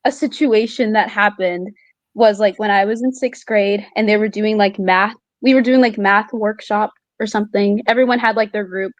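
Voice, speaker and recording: A woman's voice: mid-range voice, fairly even intonation, normal speed, dry recording. A young adult woman, a student guest, speaking hesitantly with many fillers. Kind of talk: casual interview chat.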